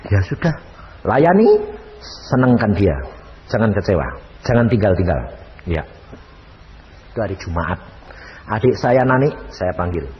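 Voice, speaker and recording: A male evangelist preaching a sermon, telling stories and swinging between hushed and loud delivery. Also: on the low side, very animated, measured pace, long pauses, husky. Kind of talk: sermon with storytelling. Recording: reverberant hall, dull lo-fi sound.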